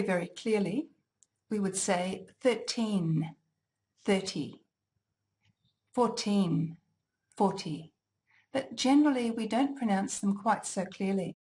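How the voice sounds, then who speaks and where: A woman teaching a language exam lesson, deliberately enunciating each word for listening practice. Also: mid-range voice, darkish tone. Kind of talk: slow, clearly articulated lesson.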